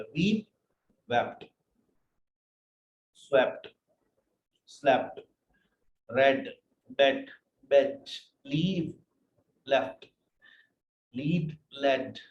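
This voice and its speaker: Calling his pupils "beta", a man patiently reads out word lists in an online English class. His voice is a little high with a darkish tone, picked up by a computer mic during a live video session, and the roomy, dull audio carries a little hiss or hum.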